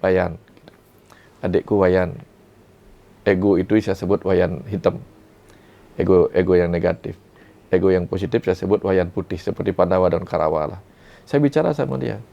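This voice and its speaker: A man giving a calm, reflective spiritual talk, sometimes acting out inner dialogues softly. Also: low-pitched, fairly quick, creaky, dull audio. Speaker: guest speaker.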